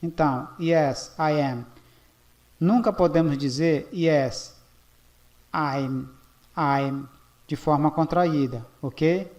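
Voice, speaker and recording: A man from Brazil teaching English grammar at a board in a slow, explanatory way, often checking in with "ok?". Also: on the high side, a little mellow.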